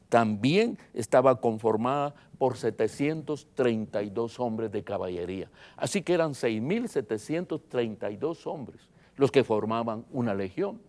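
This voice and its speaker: Emphatic man preaching a sermon. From Guatemala. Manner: emphatic preaching with wide swings in loudness and pitch; dramatic, repeating phrases for emphasis. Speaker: pastor.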